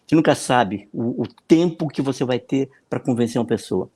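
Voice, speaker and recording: A man with a Brazilian Portuguese accent, a consultant answering questions in a podcast interview. He explains in an animated way, often repeating words and acting out the voices of the people he quotes. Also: mid-range voice, fairly quick, breathy edge. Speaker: political consultant and speaking coach.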